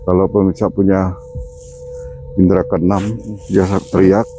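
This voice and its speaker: A man's voice: low voice, completely flat delivery, measured pace, mellow, soft background music. A man, a spiritual healer, explaining on an outdoor ghost-hunting walk and commanding spirits sternly. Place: outdoors in a garden.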